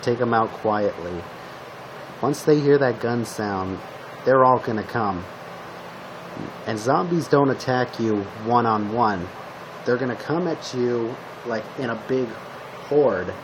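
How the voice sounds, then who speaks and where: Playing a male survivor of a zombie apocalypse, a roleplay video host offers instructive, cautioning tips in an improvised, lightly acted scene. His ordinary-pitched voice stays matter-of-fact and conversational, frequently stalling and repeating, over a steady background hum from a noisy homemade recording.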